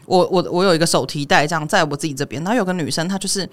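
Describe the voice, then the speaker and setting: A woman's voice: sits low, racing. A young woman with a Taiwanese Mandarin accent, hosting a casual podcast chat, ranting heatedly and swearing freely. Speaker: podcast host.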